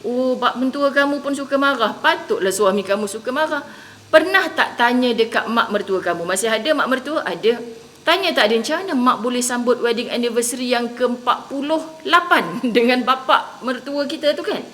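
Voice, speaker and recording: A woman's voice: fairly high pitch, brisk, a little hiss or hum. A middle-aged woman with a Malaysian accent, preaching a sermon to women and acting out the people in her stories. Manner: animated storytelling, acts out quoted people. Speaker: religious teacher.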